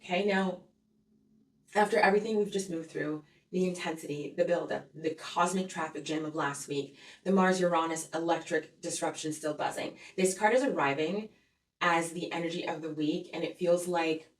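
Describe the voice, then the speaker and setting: Woman host of a tarot forecast, lowish voice, soothing and earnest; voice set back from the mic in a roomy space. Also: normal speed. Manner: soothing, earnest, repeats "okay?" to check in with viewers. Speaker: tarot reader and astrology host. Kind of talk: weekly energy forecast with tarot cards. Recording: roomy echo, voice a bit far from mic.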